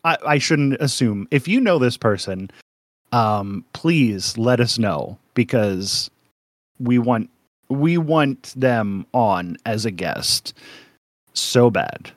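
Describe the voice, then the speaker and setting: A man's voice: medium pitch, expressive, slow pace, no echo, studio quality. A man co-hosting a casual podcast, rambling and joking with frequent laughs. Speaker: podcast co-host.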